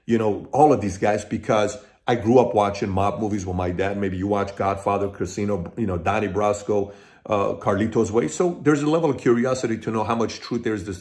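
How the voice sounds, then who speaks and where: Speaking directly to camera, a middle-aged Iranian man hosts his own channel with a fairly low, darkish voice. He is emphatic, lays out his points as lists, and often restarts his sentences.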